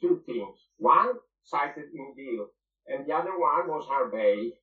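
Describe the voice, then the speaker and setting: A former football goalkeeper, a man whose first language isn't English, reminisces about his playing days as a guest in an interview, speaking emphatically and repeating key phrases. His mid-range voice has lively intonation and an unhurried pace. He's recorded from a distance, sitting back from the mic in a roomy space, with a slightly dull tone.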